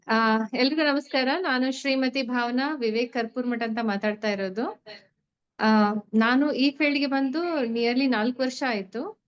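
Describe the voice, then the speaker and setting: A young woman introduces a free online reiki class in an earnest, halting way, often stopping to find her next words. Her voice sits a little high. The sound is dull and lo-fi, as over an online call. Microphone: online call audio.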